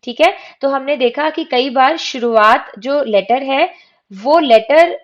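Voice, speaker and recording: A woman's voice: high-pitched, slow. A woman teaching English grammar from slides. She asks her students questions and answers them herself. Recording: dull lo-fi recording.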